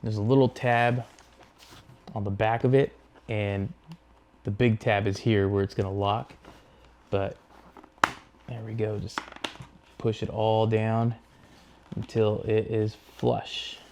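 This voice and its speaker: Hosting a motorcycle gear install video, a man talks casually and unhurriedly through each step while working with his hands. His voice is fairly low and darkish, with little pitch movement and a faint hiss or hum in the background.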